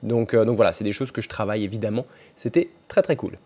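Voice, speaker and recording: A man's voice: on the low side, fast talker, darkish tone. A young French man talking casually to his camera in a home vlog, chatty, with restarts and fillers. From France. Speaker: vlogger and language teacher.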